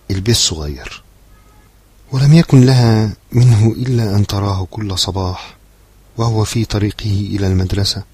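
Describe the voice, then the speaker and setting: A man narrating a literary novel as an audiobook in a measured, steady storytelling manner. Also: lowish voice, slightly rough, no room sound.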